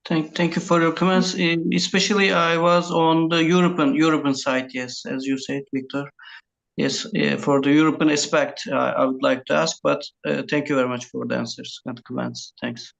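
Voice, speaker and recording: A man in the audience of an academic symposium, thanking the panel in a polite, halting way. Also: fairly high pitch, little pitch movement, vocal fry, fairly bright tone, rough recording. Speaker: audience member. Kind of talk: panel comment.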